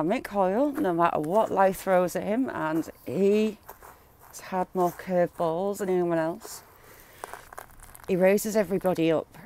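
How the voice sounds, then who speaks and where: Woman, lowish pitch, affectionate, casual vlog chat. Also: darkish tone. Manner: affectionate, chatty. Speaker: vlogger.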